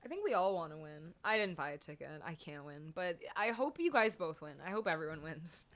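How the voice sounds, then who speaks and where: A woman's voice: low voice, expressive, a little fast. A woman with a Canadian accent chatting casually on a music livestream, thanking viewers in a cute, gushing way. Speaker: music streamer.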